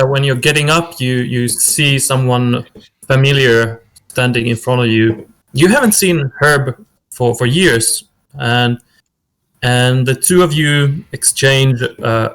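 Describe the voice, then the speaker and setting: Slow guy narrating a tabletop scene, keeps restarting his words. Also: mid-range voice, a bit bright. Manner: halting, repeats words. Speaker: player. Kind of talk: tabletop role-play narration.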